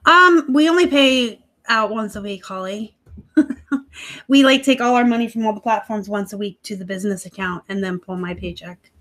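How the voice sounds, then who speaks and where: A woman with a medium-pitched, slightly bright voice speaks at a moderate pace while hosting a casual live stream from home on a laptop. An online reseller, she reads comments and chats with viewers, a bit snarky and laughing often.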